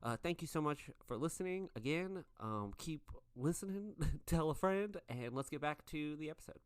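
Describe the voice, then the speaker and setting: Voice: mid-range voice, expressive, moderate pace, clear, resonant tone, no room sound. A co-host of a tabletop game podcast, talking in a chatty way full of filler while playing and reading show announcements.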